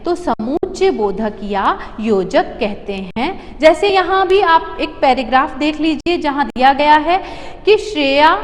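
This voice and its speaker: A woman's voice: sits high, big-room sound. A woman teaching a grammar lesson to children, dictating example sentences word by word and asking the class questions. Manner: repeats phrases and asks the class questions.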